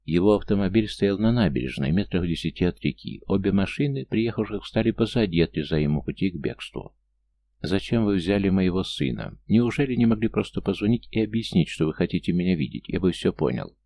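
A man narrates a thriller audiobook in a very low, gravelly voice. His tone is dark and mellow, and his reading stays steady and restrained, with clipped lines of dialogue. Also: fairly quick.

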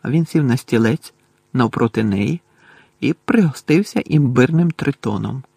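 A man narrating an audiobook in an even, measured storytelling voice. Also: mid-range voice, creaky, breathy edge, dry recording.

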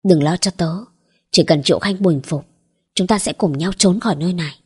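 A woman reading an audiobook, voicing a determined young woman who urges her friend in a hushed, urgent way. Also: fairly low pitch, brisk, breathy edge.

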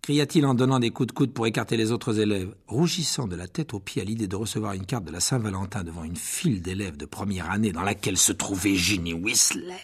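A man reading an audiobook as narrator, in expressive scripted storytelling. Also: on the low side, fairly quick, few pauses, husky.

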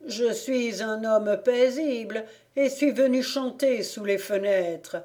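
A woman reading the part of a sly, stubborn old peasant man who mutters to himself, in a slow storybook reading. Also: high voice, a little mellow, voice pushed up. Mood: wary.

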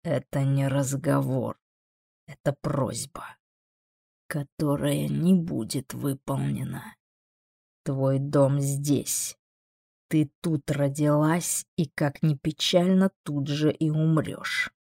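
A woman voicing a calm, mocking male demon in an audiobook, speaking slowly with a gravelly edge. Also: no echo, exaggerated voice. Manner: slow, low, unhurried and sardonic. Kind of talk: audiobook character voice.

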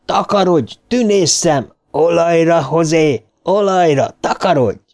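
A man voicing a frail asthmatic boy who yells frantically and furiously in high shrieks. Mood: frenzied shouting.

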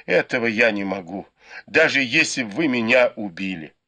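A male reader voicing a cowardly, beaten young nobleman who whimpers and begs in shrill cries. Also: lively intonation, moderate pace, bright, forceful tone. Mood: whimpering.

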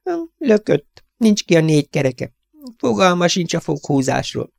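A man's voice: on the high side, big pitch swings, vocal fry, no echo, voice pushed up, exaggerated voice. A man voicing a young dental nurse who whispers scornful gossip about the dentist. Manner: hushed, gossiping, dismissive.

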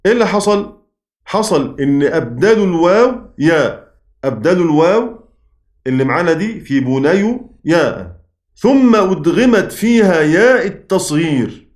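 A man's voice: fairly high pitch, roomy sound. A man with an Egyptian Arabic accent, teaching a class on Quranic spelling, often repeating key words and asking the students questions. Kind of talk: classroom lesson.

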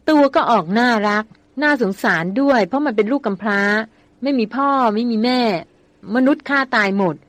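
A woman's voice: a little high, no echo, voice pushed up, lightly acted. Woman reading as a spirited headstrong young woman.

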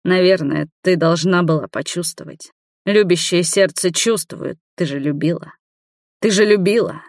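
A woman voicing a distraught man with a weak heart, shouting in slow, heavy anguish in an audiobook. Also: lowish voice, steady tone, no echo, clean studio sound.

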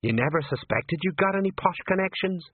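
A man voicing a slow-witted, kindly middle-aged male sergeant with a gossipy, wondering manner. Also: high-pitched, expressive, slightly rough, dry recording, pitched above the performer's own voice. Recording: tinny narrow-band, dry.

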